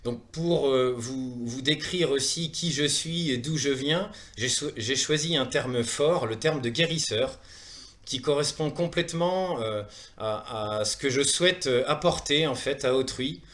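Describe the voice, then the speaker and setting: Presenting a wellness training programme, this man in his thirties from Saumur in Maine-et-Loire, France, has a mid-range, slightly bright voice and a French accent. He delivers his semi-prepared talk earnestly but haltingly, pausing often and repeating himself.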